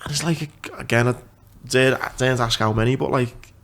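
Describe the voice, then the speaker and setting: Swearing freely in casual, informal chat, this podcast host is a man in his thirties with a Liverpool accent. He talks a little fast in a medium pitch, with fairly even intonation, vocal fry, and a fairly bright tone, into a desk mic in a small indoor office studio.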